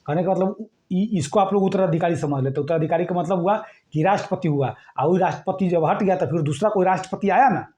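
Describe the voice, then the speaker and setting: High, mellow-voiced man teaching. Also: quick pace, few pauses. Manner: repetitive, keeps checking "ठीक है?" with listeners. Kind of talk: exam-prep lesson.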